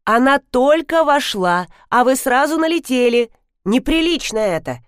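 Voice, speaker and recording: Woman doing shrill chattering young organizer girl. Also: sing-song, unhurried, clean tone, no room sound, studio quality. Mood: scolding. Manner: shrill chattering, then pleading.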